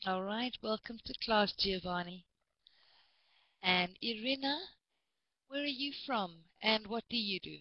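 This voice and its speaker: A woman's voice: medium pitch, measured pace, long pauses, no echo, highs cut off. A woman from South Africa teaching English to a large online class, patient and encouraging, often repeating students' names.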